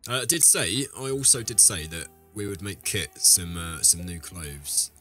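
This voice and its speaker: Low-voiced man, sick, rambling. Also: expressive, a little slow, bright, forceful tone, faint music behind. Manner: rambling, self-correcting, talks to viewers. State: ill, deeper voice than usual. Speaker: let's play host. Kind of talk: casual gameplay commentary.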